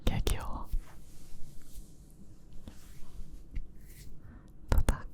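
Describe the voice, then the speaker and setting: A man playing a sweet, doting boyfriend in a whispered role-play, murmuring tenderly and softly to his girlfriend with a breathy voice. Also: normal speed, lightly acted. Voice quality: soft, breathy. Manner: tender, affectionate, teasing murmur.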